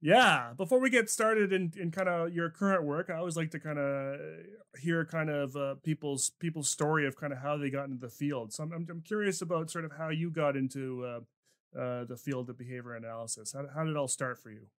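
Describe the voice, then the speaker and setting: A man's voice: fairly high pitch, fairly quick, a bit bright. A man hosting a podcast interview, talking casually with many fillers and restarts. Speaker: podcast host.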